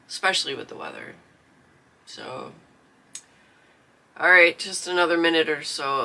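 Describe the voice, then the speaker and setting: A man from southeastern Michigan hosts a livestreamed crafting class, chatting casually before the lesson starts. His medium-pitched voice is gravelly, pushed and bright, scratchy from allergies, and his talk is rambling and full of fillers.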